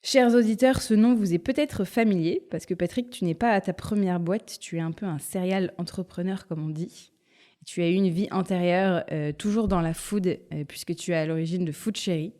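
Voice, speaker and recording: A woman's voice: on the low side, normal speed, dark tone. A woman hosting an interview podcast, introducing her guest in an upbeat, chatty way. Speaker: podcast host.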